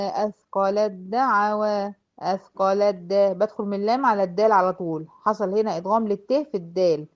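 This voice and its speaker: A woman with an Egyptian accent teaching a tajweed lesson. She asks questions and answers them herself, and slows down to model recitation. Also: medium pitch, a little mellow. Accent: Egyptian Arabic. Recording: dull lo-fi recording.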